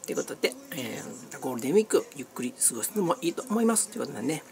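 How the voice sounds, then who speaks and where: A middle-aged vlogger with a Kansai Japanese accent, chatting casually about snacks in a small room and sometimes trailing off softly. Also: mid-range voice, very animated, rapid-fire, crowd noise. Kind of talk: casual snack-review vlog chat. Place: small cluttered room indoors. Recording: clearly noisy room recording with clicks.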